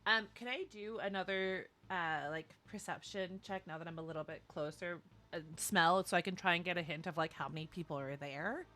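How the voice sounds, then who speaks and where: A woman's voice: fairly low pitch, fairly quick, hardly any pauses, pushed and bright. A woman playing a tabletop game, chatting casually as she describes what her character does.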